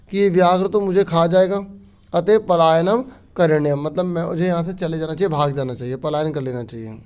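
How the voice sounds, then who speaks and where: A man teaching a worksheet lesson to students, reading passages slowly and then explaining them in quick, casual talk with frequent check-ins. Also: fairly high pitch, warm tone.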